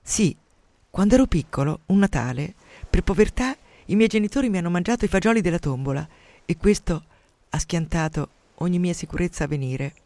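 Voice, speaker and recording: A man's voice: high-pitched, expressive, fairly quick, darkish tone, dry recording. A man reading aloud, voicing a chattering, self-absorbed young male patient full of guilt and self-pity. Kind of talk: radio story reading.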